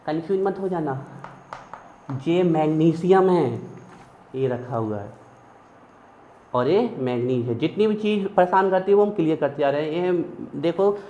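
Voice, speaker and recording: A man teaching chemistry in a classroom lecture, chanting mnemonic lists in a sing-song rhythm. His voice sits somewhat high for a man. The sound is dull and lo-fi, with a roomy echo and a faint hiss behind him. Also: warm tone.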